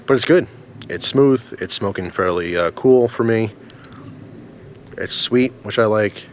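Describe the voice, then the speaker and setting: A man giving a casual product review in a rambling, halting way, recorded outdoors. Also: on the low side, slight background noise. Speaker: pipe tobacco reviewer. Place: outdoors in the snow in winter.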